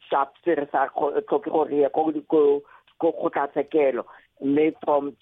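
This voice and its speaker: A man's voice: on the high side, no room sound. Hesitant South African Setswana man, phone-like sound. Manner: hesitant, frequent pauses. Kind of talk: radio discussion, mixing languages. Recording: narrow phone-like line.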